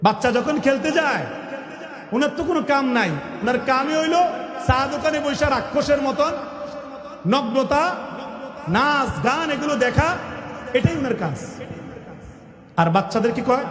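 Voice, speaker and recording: High-pitched preacher man in echoey hall. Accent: Bangladeshi Bengali. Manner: mocking, mimics the people he scolds, shouts for emphasis. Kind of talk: fiery sermon. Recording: echoey hall with long reverb.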